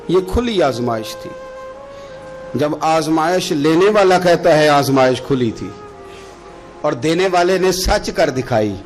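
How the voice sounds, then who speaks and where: High-voiced impassioned preacher. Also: male voice. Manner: swings between loud impassioned exclamations and soft slow recitation. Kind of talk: emotive Urdu sermon with Quranic recitation.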